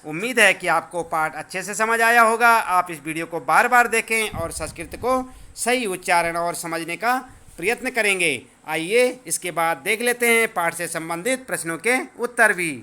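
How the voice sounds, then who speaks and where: A male teacher explaining a school lesson to children, patiently repeating words slowly so they learn the pronunciation. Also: high-pitched, sharp tone, clean tone.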